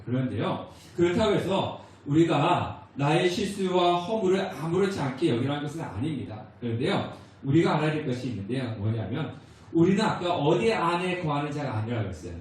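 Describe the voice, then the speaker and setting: A pastor preaching a sermon, asking the congregation questions and answering them himself, with short quoted lines spoken out in a raised voice. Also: male voice, on the high side, sing-song, fairly quick, darkish tone. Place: church sanctuary. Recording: very echoey church hall, voice from far off.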